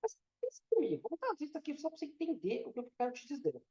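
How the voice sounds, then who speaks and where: A man's voice: very high voice, wildly swooping pitch, very fast, mellow. A man from Brazil with a Brazilian Portuguese accent, teaching a casual English lesson and repeating words for drills. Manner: keeps checking in with "tá?" and drills pronunciations by repeating them. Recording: roomy, slightly dull sound.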